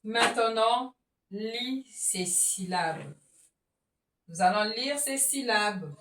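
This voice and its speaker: Slow, deliberate woman teacher in an echoey room. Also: on the high side, lively intonation. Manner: slow, deliberate, loud drilled syllables with short praise. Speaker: reading teacher. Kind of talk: phonics reading lesson. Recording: roomy echo, voice from far off.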